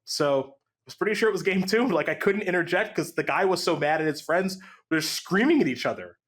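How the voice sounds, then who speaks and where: A man casually telling a long gaming story on a podcast, lively and acting out the voices of the people in it. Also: high voice, fairly quick. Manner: animated, acts out quotes with voice jumps.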